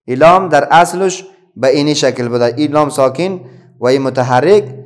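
A middle-aged man, voice a little high, teaches a reading lesson to children with an Afghan Dari accent, patiently asking questions and giving the answers himself.

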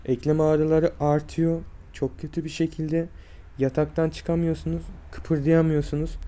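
A man in his twenties, sick and drained, talking to viewers in a weak, strained voice with halting, effortful delivery. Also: a little high, little pitch movement, warm tone. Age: 20s. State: sick and drained with fever and aches. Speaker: vlogger. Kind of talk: personal health vlog, speaking to viewers.

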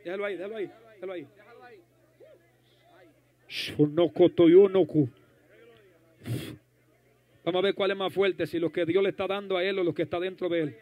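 A male pastor leading a fervent deliverance prayer, commanding and hushing the crowd by turns. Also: high voice, fairly even intonation, racing, narrow, tinny audio. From Dominican Republic. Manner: fervent, commanding, shouting and hushing, speaks in tongues. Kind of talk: deliverance prayer and prophecy at a service.

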